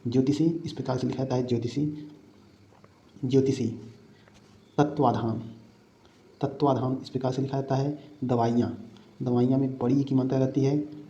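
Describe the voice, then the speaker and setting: Dark-voiced male teacher, quizzing students. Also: medium pitch, fairly even intonation, moderate pace, pauses often, muffled recording. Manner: repeats words and asks the class rhetorical questions. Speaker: exam-prep teacher. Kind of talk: spelling lesson for exam prep.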